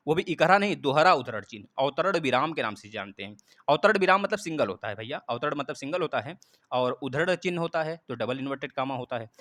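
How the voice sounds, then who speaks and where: Lively man teaching a live online class. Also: fairly high pitch, dry recording. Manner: lively, addresses students as friends, repeats key points. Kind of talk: live online exam-prep lesson.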